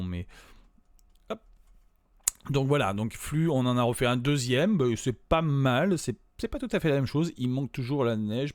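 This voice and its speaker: Talking straight to his viewers, a man presents a casual screen-recorded tutorial in a chatty but hesitant manner, often using fillers and starting over. His mid-range voice is a little mellow, and there's no room sound.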